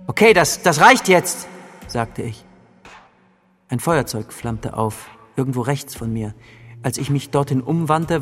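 A man's voice: mid-range voice, big-room sound. Man narrating a tense first-person story. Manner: tense, dramatic reading with sudden loud outbursts in quoted cries.

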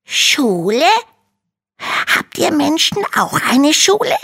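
Woman doing a storybook dragon child: very high, squeaky, tearful, timid. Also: animated, slow, creaky, a bit bright, exaggerated voice. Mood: eager pleading. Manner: squeaky, whimpering, tearful pleading. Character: tiny timid young male dragon, lonely and pleading. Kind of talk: storybook reading.

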